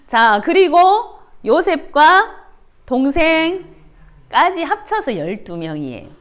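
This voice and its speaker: A woman preaches to children at Sunday school, keeping them engaged with a stream of questions and dramatic gasps. Her voice sits fairly high and swoops widely in pitch. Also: takes it slowly. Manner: animated, asks children questions, gasps for effect. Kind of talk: children's sermon with questions to the kids.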